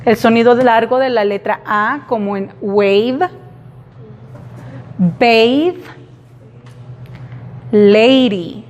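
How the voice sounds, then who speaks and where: Teacher lady, slow, says each word twice for the class, echoey room. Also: on the high side, steady tone, highs cut off, a little hiss or hum. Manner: slow, repeats example words for the class. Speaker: English teacher. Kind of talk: classroom English lesson. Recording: reverberant classroom.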